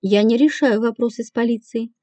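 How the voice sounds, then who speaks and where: A woman's voice: a little high, fairly quick, dark tone, no room sound, natural voice. A woman reading the lines of a strict, proper hotel manager in a stern, curt manner, in an audiobook.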